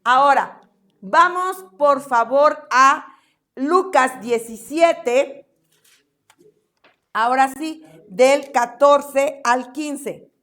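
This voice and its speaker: A woman teaching a church Bible class in a lively way, asking the class questions and acting out quotes. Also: sits high, extremely slow, pauses often. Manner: animated, asks the class questions, acts out quotes.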